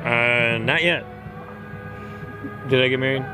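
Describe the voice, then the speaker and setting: A man's voice: mid-range voice, takes it slowly. An upbeat man hosting a casual question-and-answer session as a cruise director, talking conversationally. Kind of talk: casual Q&A chat, reading questions aloud. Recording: music playing behind the voice. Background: music.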